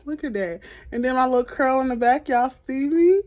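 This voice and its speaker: A woman's voice: high-pitched, brisk, dull audio. Chatty young woman vlogging to camera. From Florida, US. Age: 20s. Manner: chatty, animated, laughs and repeats herself. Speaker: podcast host. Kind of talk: casual vlog chat to camera.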